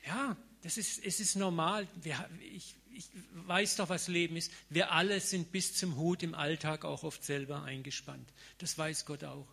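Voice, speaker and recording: A man preaches to his congregation in a relaxed, conversational sermon, dropping slang and everyday examples as he goes. His voice sits slightly high for a man, and he sounds middle-aged. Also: unhurried, vocal fry, few pauses, slightly rough. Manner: informal, colloquial preaching with slang.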